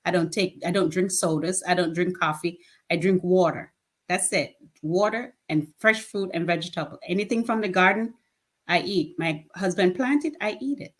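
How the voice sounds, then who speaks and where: A woman's voice: lowish voice, moderate pace. Earnest woman in her fifties. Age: 50s. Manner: earnest, plain-spoken, laughs easily. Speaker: nonprofit founder, guest. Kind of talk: casual interview answers.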